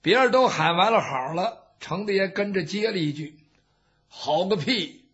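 A male storyteller performing a traditional tale, lively and dramatic, his voice high and swinging widely in pitch. The recording is dull and lo-fi. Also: normal speed, slightly rough.

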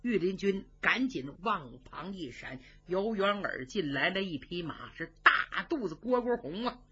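A woman's voice: mid-range voice, expressive, measured pace, sharp tone. A woman telling a traditional story in a vivid, rhythmic manner, voicing sound effects. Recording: dull lo-fi recording.

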